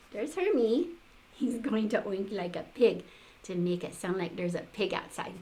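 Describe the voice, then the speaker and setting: Sweet older woman, slow and lively. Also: medium pitch. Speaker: grandmother reading to children. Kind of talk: expressive storybook read-aloud.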